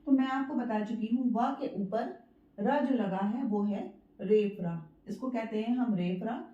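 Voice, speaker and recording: A woman teaching a spoken writing lesson, patiently repeating her points, checking in with listeners and sounding out words slowly syllable by syllable. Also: a little high, dark tone. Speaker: Hindi teacher. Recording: echoey room, dull lo-fi sound.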